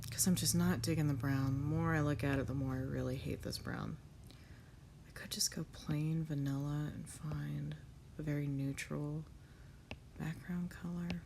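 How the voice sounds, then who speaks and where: Sitting low and gravelly, this young woman's voice keeps fairly even intonation at a moderate pace as she casually narrates her drawing, self-critical and swearing quietly while sniffling from a cold. Background noise is audible.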